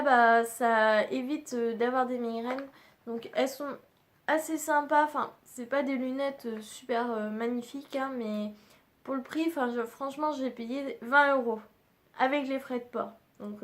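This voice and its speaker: A woman beauty vlogger chatting casually through a haul at home, full of fillers and restarts. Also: sits high. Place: indoors at home.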